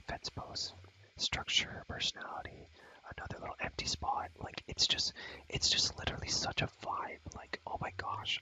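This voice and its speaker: Whispering ASMR commentary over a game, a young man shows off its world in an excited, slang-filled ramble, frequently saying things twice. The tone is bright and forceful, and the recording is rough.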